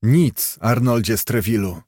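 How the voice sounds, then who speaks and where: A man voicing a stern, dignified king who speaks gravely and with command in a storybook reading. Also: medium pitch, unhurried, a little mellow, no room sound, clean studio sound, close to an everyday voice.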